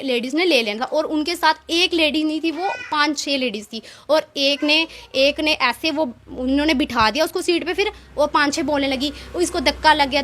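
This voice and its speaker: A woman in her thirties, giving an animated, casual spoken account as an interviewee, acting out the quoted exchanges. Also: high-pitched. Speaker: interviewee, theft eyewitness.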